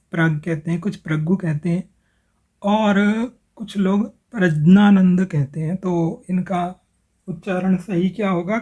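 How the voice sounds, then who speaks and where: A man calmly explains pronunciation in a tutorial, slowing down to spell out sounds. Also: high voice. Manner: careful, slows to spell out sounds. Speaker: language explainer. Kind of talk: explanatory tutorial, reading from screen.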